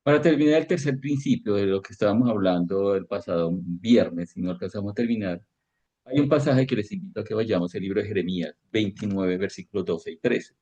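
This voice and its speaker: A man teaching a devotional Bible lesson as pastor, slow and questioning, often checking in with his listeners. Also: on the low side, dark tone, dull audio.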